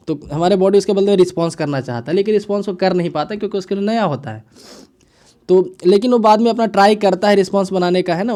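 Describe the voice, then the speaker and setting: A current affairs teacher with a high yet mellow voice explains news analysis to students, much like a teacher at a whiteboard rather than a presenter. He's casual and repetitive, keeps checking in with "है ना" and "ठीक है," and mixes English phrases into his Hindi, slowing to read them and the headlines haltingly.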